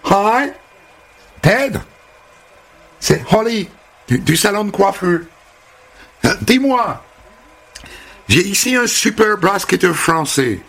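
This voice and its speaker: A woman's voice: medium pitch, very animated, slow pace, pauses often, a bit bright, breathy edge, voice pushed up, exaggerated voice. A man voicing a bubbly, chatty American woman hairdresser with squealing exclamations. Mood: eager.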